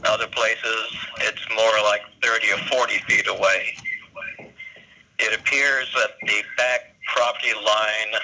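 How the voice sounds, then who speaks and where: A man heard over a phone held up to another phone, giving a slow, deliberate public comment at a meeting. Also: on the low side, pushed and bright. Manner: slow, deliberate, measured delivery. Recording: muffled lo-fi phone line with faint hiss.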